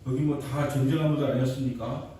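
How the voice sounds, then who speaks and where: In a church sanctuary, a male pastor preaches a sermon, telling a story that builds to emphatic repeated questions. His mid-range voice is steady, fast, and dark in tone. The recording comes from a distant mic in the echoey church, with faint background noise.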